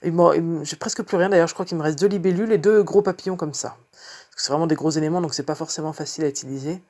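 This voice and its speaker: A woman with a low-pitched voice talks through her card-making in a relaxed vlog. She rambles in a chatty way, full of fillers and restarts. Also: very fast. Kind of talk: casual craft vlog chat.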